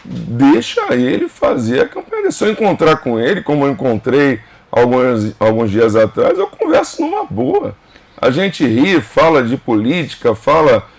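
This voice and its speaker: A man's voice: medium pitch, wildly swooping pitch, measured pace, vocal fry, husky. Emphatic man in his fifties. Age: 50s. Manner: emphatic, repeats phrases, short clauses. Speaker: governor interviewed as guest. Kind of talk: casual podcast interview.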